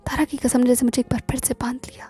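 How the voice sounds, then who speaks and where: A woman narrating a romantic story in the first person in a soft, hushed, intimate way. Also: high voice, level tone, very fast, slightly rough. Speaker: audiobook narrator. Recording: faint background music.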